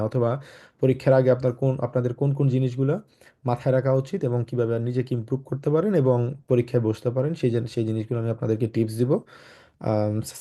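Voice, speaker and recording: A man's voice: mid-range voice, mellow. A man teaches a German class online, talking loosely with many fillers. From Bangladesh. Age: 20s. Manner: slow, clearly spaced model sentences. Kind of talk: online lecture to students.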